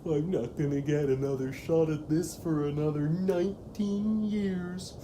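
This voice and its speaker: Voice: mid-range voice, steady tone, unhurried, background noise, natural voice. An actor in a comedic audio drama playing an ancient evil pumpkin-headed monster, melodramatic, sulky and sentimental, with theatrical self-pitying speech.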